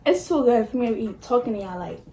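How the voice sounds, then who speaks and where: A young woman telling a casual storytime in an animated, emphatic, slangy way, swearing freely. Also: on the high side, fast. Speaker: vlogger. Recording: noticeable background noise.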